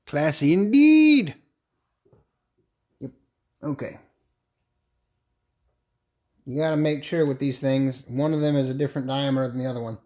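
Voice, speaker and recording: A man's voice: mid-range voice, steady tone, moderate pace, pauses often, mellow. A man chatting casually on a live stream as he turns a pen and answers viewer comments. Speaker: woodturner streaming a pen turning.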